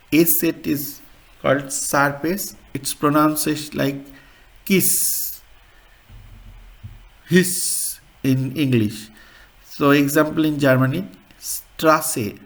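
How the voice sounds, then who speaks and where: A man teaching a beginner language lesson, slowly saying each example word twice and using non-native English phrasing. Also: a little high. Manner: slow, careful, repeats example words.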